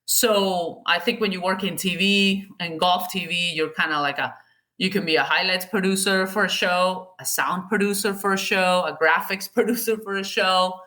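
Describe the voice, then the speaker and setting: Woman, 40s, bright and open tone, chatty interview guest. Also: on the low side, fairly even intonation, moderate pace. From Colombia. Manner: candid, chatty, talks with self-corrections. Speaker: guest, golf TV producer. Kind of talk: casual interview chat.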